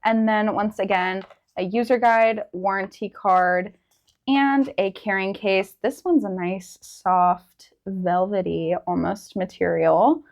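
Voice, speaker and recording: A woman's voice: mid-range voice, fairly even intonation, slow, vocal fry. A woman hosting a product review in a casual presenting style.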